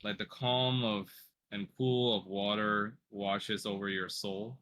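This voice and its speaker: Bright-voiced, low-pitched man narrating a game. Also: little pitch movement, slow pace, a little hiss or hum. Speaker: game master. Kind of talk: narrating a tabletop role-playing game.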